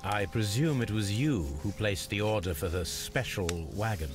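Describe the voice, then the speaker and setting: A man's voice: fairly low pitch, animated, moderate pace, over loud music, lightly acted. An actor playing a composed male detective who questions witnesses politely and formally in a video game. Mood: calm inquiry. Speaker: investigator.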